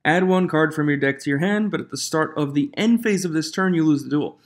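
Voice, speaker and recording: Male online host, slightly high-pitched, casual and opinionated commentary, echoing room sound on a stand-in mic. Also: fairly quick. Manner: informal, opinionated, reads card text aloud. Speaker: YouTube host of a trading card game channel. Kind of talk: casual news commentary to viewers. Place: echoing room outside the usual studio. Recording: echoey room, makeshift microphone.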